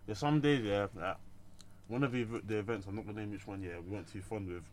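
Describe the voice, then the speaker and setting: Young man, London roadman accent, lower pitch, very quick delivery, street slang, casual storytelling. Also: crowd noise. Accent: London roadman, multicultural London English. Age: young adult. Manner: heavy street slang, frequent 'innit' tags. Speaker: student event promoter. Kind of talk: casual group chat, telling anecdotes.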